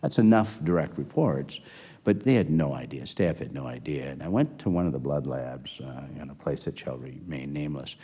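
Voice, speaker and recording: An older man with a very deep, warm, slightly rough voice tells stories about his career in an oral history interview, speaking expressively at normal speed. He rambles and restarts often, and the recording has a long hall reverb.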